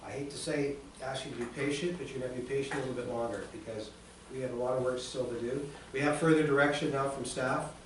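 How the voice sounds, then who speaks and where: Heavy echo and a steady background hiss fill the hard chamber where a town council chair, a man of medium pitch, sits well back from the microphone. He moves briskly through motions and votes in a procedural rhythm.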